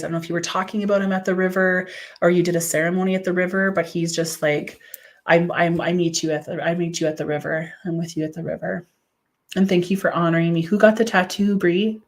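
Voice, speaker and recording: Gushing woman medium. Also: mid-range voice. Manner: gushing and affectionate, many "like" fillers, answers chat comments aloud. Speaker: psychic medium. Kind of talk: live-stream mediumship reading, chatting to viewers.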